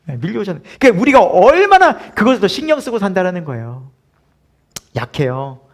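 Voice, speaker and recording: Man, pastor, sermon, high voice, very lively pitch, animated, acts out inner voices. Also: fairly quick. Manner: animated, swings from loud laughing asides to hushed earnest lines; acts out inner voices and short quoted lines.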